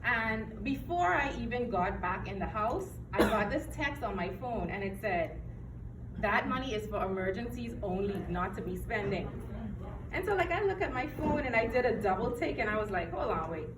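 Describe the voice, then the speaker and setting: A woman's voice: medium pitch, very animated, normal speed, background noise. Woman from the Bahamas, echoey hall. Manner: earnest storytelling with acted-out quotes. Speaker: testimony speaker. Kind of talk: personal testimony to an audience. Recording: echoey hall, mic from far off. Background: room ambience.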